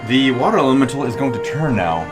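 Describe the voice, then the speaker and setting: A game master of middling pitch runs a tabletop session in a casual, improvised way. The delivery is halting, searching for the next word, with loud music over the recording. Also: lively intonation. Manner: halting, feeling for words.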